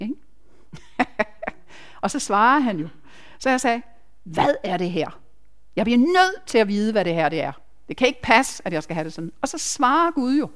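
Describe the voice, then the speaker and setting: A woman with a fairly high, smooth and resonant voice gives a personal testimony to a congregation. She speaks as a nurse, in a chatty and emphatic way, and often turns to the listeners with quick asides.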